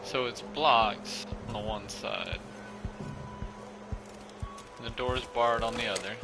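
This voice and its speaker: A man's voice: medium pitch, slow pace, vocal fry. A man giving casual gameplay commentary, muttering to himself in a self-deprecating way. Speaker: gamer, let's-play host. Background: game music.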